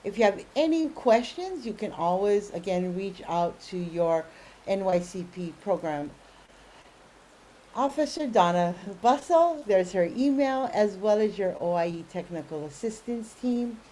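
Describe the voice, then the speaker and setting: A woman hosts an online grant webinar, talking through schedules and reminders with plenty of "um"s. Her voice is mellow and warm. A faint hiss sits under the call audio. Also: medium pitch, animated, measured pace, low-quality recording. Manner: many fillers, friendly and informative.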